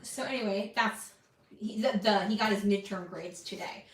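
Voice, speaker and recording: A woman's voice: medium pitch, moderate pace, reverberant, recorded from a distance, a little hiss or hum. A woman vlogging casually while she makes a scrapbook page, rambling and self-deprecating as she talks. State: hiccuping. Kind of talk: casual chat while crafting.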